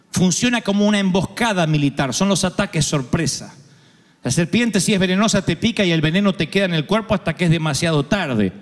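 Argentine guy preaching, kinda high voice, jokes around and suddenly shouts, big hall echo. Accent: Argentine Spanish. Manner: humorous, acts out quoted voices, sudden shouts. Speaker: pastor. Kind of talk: sermon.

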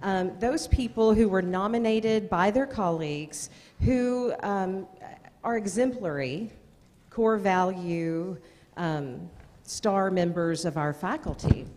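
Reading nominee names into a gooseneck microphone at a podium, a middle-aged American school district presenter announces awards at a public meeting and tosses in casual asides. She speaks slowly in a mid-range, darkish voice, and the indoor meeting hall echoes with long reverb.

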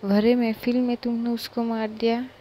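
Woman voicing a gentle comforting father. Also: a little high, flat delivery, moderate pace, a little hiss or hum, close to an everyday voice. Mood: tender. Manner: gentle, reassuring, lecturing softly. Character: caring father comforting his teenage daughter.

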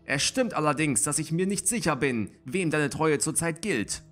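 A man's voice: fairly high pitch, animated, moderate pace, a bit bright, faint music behind, voice pushed up. A man reading aloud and voicing a hot-tempered young tomcat warrior who defends himself. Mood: heated. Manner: defensive, heated.

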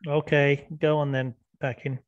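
Guy teaching english online, slow and patient, kinda dull call audio. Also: fairly high pitch, little pitch movement, dry recording. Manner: patient, prompting students with questions. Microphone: video call.

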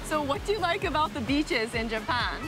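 High-voiced woman reporting on a beach. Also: expressive, fairly quick, music in the background, poor audio. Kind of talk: on-location reporting and interviews. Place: outdoors on a beach. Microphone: handheld microphone.

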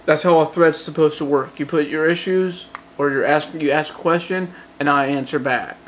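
There's slight background noise as this hobbyist phone modder, a man with a light Georgia Southern accent, rambles through a casual late-night vlog update full of restarts and fillers. His voice is a little high and fairly bright, with fairly even intonation and a moderate pace.

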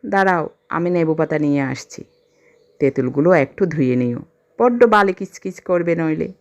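A woman's voice: low-pitched, expressive, moderate pace, lo-fi sound. A woman voicing a playful young village husband who teases and coaxes his wife. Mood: teasing. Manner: teasing, coaxing.

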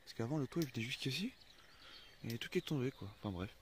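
A man's voice: mid-range voice, expressive, fast, noisy background. A French man chatting casually in a vlog from a farm and his van, rambling with many fillers and restarts, groggy before his coffee. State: groggy, just woke up. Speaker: vlogger.

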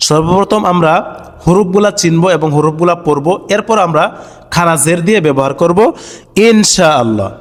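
A man teaching Arabic letter sounds to viewers, drawing out each syllable in a half-sung recitation and explaining briskly between drills. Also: fairly high pitch, expressive, long reverb tail. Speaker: Quran reading teacher.

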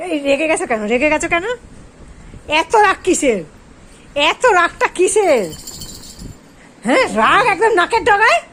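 Woman, very high voice, coaxing pet-vlog chatter. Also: very animated, normal speed, pauses often, fairly bright tone, a little hiss or hum. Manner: coaxing, sing-song baby talk to dogs. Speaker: pet vlogger. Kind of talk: casual talk to pets.

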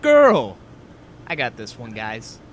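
A man's voice: mid-range voice, wildly swooping pitch, slow pace, a little hiss or hum. A man playing a cocky young scout, a motormouthed show-off with bragging patter.

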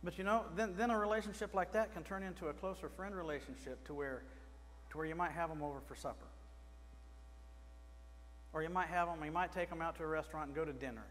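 A middle-aged man preaches from a pulpit in a small church. His voice sits a little high, and he talks to the congregation in a plain, conversational way, asking them questions. The room's long reverb trails behind his words, with a faint electrical hum underneath. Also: steady tone, fast talker, fairly bright tone. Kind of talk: sermon. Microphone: pulpit microphone.

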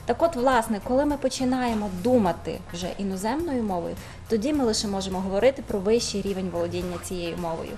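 A woman lecturer on a studio interview panel, speaking in a measured, formal way with small hesitations. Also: medium pitch, mellow, faint music behind. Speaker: language lecturer.

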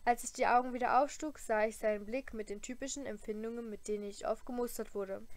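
A woman reading a first-person audiobook, with an expressive, dryly humorous storytelling manner. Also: a little high, fast talker. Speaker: audiobook reader.

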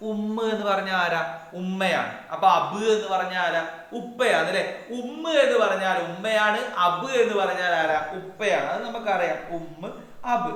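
A man's voice: high-pitched, sharp tone, heavy reverb. A man teaching a playful exam revision lesson to young children, asking them many questions.

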